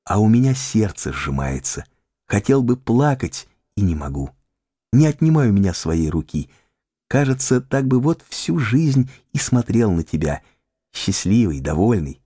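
An earnest, emotional young man in love, as a male audiobook narrator reads him, low-pitched and mellow, heartfelt, his pitch moving widely. Dry, close sound. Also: sing-song, measured pace, husky, dry recording, full character voice. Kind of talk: audiobook character reading.

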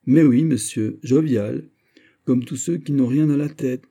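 A man voicing a bold, jovial male musketeer who flatters and teases his dinner companion. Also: medium pitch, measured pace, creaky, voice pushed up. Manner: bright, exclamatory, bantering.

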